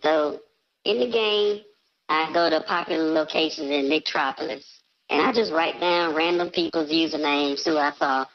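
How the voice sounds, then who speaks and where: A man's voice: on the high side, moderate pace, muffled recording. An anonymous male caller talking through a voice changer, chill and offhand as he confesses on a call-in show. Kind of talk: casual phone-in confession.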